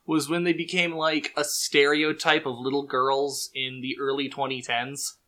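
A man co-hosting a casual podcast, interrupting with deadpan trivia and quick opinions. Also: medium pitch. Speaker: podcast co-host. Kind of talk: casual chat.

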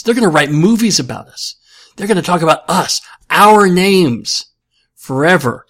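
A man's voice: on the high side, a bit bright. A man playing a defiant war leader with a Brooklyn lean, rallying outnumbered troops.

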